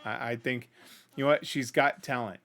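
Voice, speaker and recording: In a creaky, steady, mid-range voice at a moderate pace, a middle-aged music reaction host shares his views conversationally. He often turns to check in with whoever is listening.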